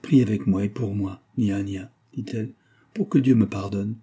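A man's voice: fairly low pitch, fairly even intonation, moderate pace, mellow, breathy edge. A man reading aloud and voicing a feverish, despairing young woman who is dying, with a raised, pleading, tearful delivery. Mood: resigned.

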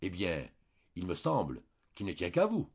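A man's voice: deep voice, huge pitch swings, normal speed, darkish tone, breathy edge, dull audio, full character voice. A man reading a kindly, coaxing country priest. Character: good-natured old country priest.

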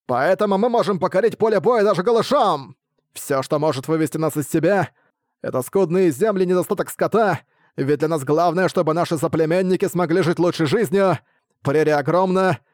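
Guy putting on a brash barbarian khan chieftain, raised and pushed high, loud swaggering war cry talk in a dry close audiobook read. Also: brisk, no echo, natural voice. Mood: boastful rallying. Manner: loud, boastful rallying speech. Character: boisterous barbarian khan warlord, man. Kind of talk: audiobook character voice.

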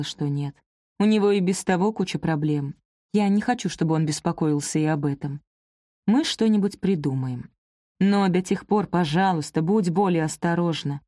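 A woman's voice: fairly low pitch, mellow, no echo, clean studio sound, close to an everyday voice. A woman voicing a worried, protective young older sister, earnest and pleading, in an audiobook. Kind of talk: audiobook character voice.

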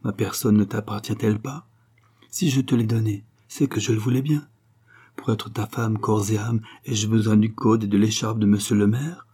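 A man's voice: on the low side, fairly even intonation, normal speed, warm tone, husky. A man reading an audiobook, voicing a passionate young woman in love with pleading, impassioned speech.

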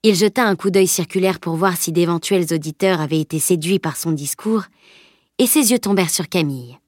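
A woman's voice: fairly low pitch, fairly quick, darkish tone, dry recording, studio quality. Woman reading a novel aloud. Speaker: audiobook narrator. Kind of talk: scripted narration.

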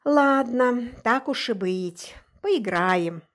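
A woman voicing a playful, mocking young male witch hunter in an audiobook, with a slow drawl. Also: fairly high pitch, animated. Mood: teasing.

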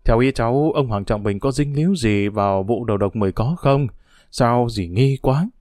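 A man's voice: mid-range voice, normal speed, darkish tone, dry recording, studio quality, lightly acted. A man voicing a worried, proper older aunt in a storybook reading. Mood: calm. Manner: anxious, fretful questioning.

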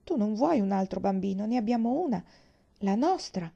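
Puzzled pioneer mom, exclaiming, warm and a bit gravelly, woman voicing her in a storybook reading. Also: mid-range voice, expressive, moderate pace, highs cut off. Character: startled, gentle pioneer mother.

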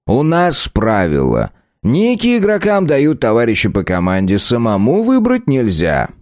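A man's voice: medium pitch, wildly swooping pitch, measured pace, no echo, studio quality. A man voicing a stern, sarcastic male administrator who snaps out his rulings. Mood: curt, sarcastic. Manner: snapping, sarcastic.

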